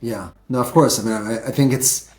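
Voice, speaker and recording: A man's voice: medium pitch, steady tone, moderate pace, darkish tone, soft background music. Man in an echoey home studio. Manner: rambling, many fillers and restarts. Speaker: podcast host. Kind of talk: casual interview.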